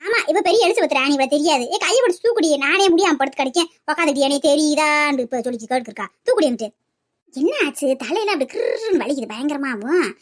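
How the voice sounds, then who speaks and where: A dazed old mother-in-law, put on by a woman, grumbles and snipes in a lowered but still high voice. She talks quickly and sarcastically. It is a comic family skit. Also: lively intonation. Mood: grumbling. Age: older.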